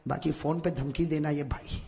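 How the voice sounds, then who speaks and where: A man preaching a sermon, telling a story with sudden drops to a hush and bursts of shouting, and he calls on the crowd to repeat after him. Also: on the high side, steady tone, vocal fry. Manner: dramatic, swings from hushed to shouting, urges the crowd to repeat. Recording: long hall reverb.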